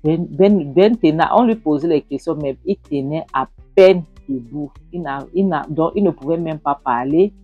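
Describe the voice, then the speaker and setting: Low husky woman retelling a film. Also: normal speed, hardly any pauses, dry recording, phone-quality sound, soft background music. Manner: animated, acting out the characters' shouted lines. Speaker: film recap narrator. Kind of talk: retelling a film plot scene by scene.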